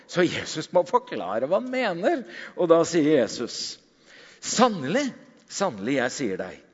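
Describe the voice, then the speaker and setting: A middle-aged man preaching a sermon as pastor, telling stories animatedly and moving between loud emphasis and quiet passages. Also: a little high, husky. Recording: dull sound with long hall reverb.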